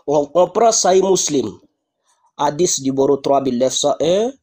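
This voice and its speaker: A man's voice: a little high, lively intonation, moderate pace, a little mellow. A man reading out religious texts in a live online debate, insisting and repeating rhetorical questions.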